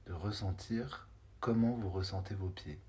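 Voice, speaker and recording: In a low, mellow voice, a man guides a body scan meditation. His phrases are short and unhurried, with space between them and the occasional hesitation before he continues.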